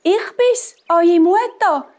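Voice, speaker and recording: A woman's voice: very high-pitched, slow, darkish tone, pitched above the performer's own voice. A woman doing the wolf's fake sweet voice. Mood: wheedling. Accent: Swiss German. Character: sly big bad wolf faking a mother's voice.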